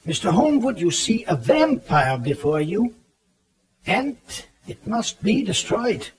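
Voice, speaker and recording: Grave old professor, audio horror drama. Authoritative, theatrical, swooping intonation, deliberate delivery. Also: male voice, sits high, sing-song, full character voice. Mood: grim, solemn. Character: commanding, grave elderly professor and vampire hunter. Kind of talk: dramatized audio play acting. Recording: 1979 cassette audio drama, background bustle.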